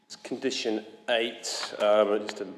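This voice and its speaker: A man with a very low, flat voice works through formal points at an inquiry, methodical and measured with the odd hesitant filler. His voice echoes around a large hall with long reverb. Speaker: planning inspector. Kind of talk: formal public inquiry discussion. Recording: echoey hall, some background noise.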